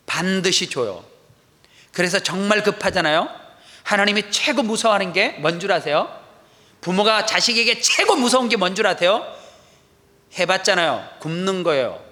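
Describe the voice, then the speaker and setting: A man preaching in a church, his voice bright and fairly high, leaping up and down in pitch. He acts out quoted voices with sudden loud outbursts, and a long echo of a large hall trails every phrase. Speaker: pastor. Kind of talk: animated sermon. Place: church sanctuary.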